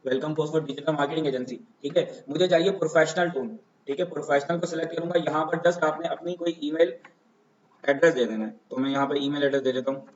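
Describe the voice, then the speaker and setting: A man's voice: a little high, fairly quick. A man giving a casual screen-share tutorial on social media marketing, talking conversationally and often checking in with his listeners. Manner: conversational, keeps saying "theek hai". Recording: roomy, dull lo-fi home recording.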